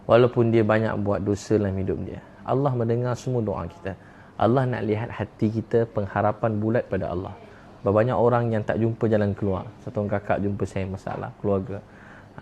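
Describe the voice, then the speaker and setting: A man's voice: medium pitch, mellow, a little hiss or hum. A man with a Malaysian accent preaching a sermon with impassioned delivery, repeating key phrases for emphasis.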